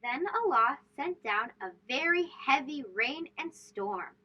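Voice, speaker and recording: A woman reads a children's storybook aloud in an unhurried way, her high voice vividly animated and emphatic as she asks questions of young listeners. She hosts a read-aloud show, and the sound is a touch dull.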